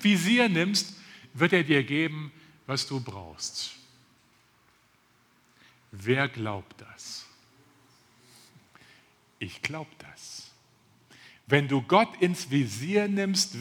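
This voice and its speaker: A man with a high, bright voice preaches a sermon slowly, stretching out words and hitting each repeated phrase with force. A long reverb carries his voice through a church hall.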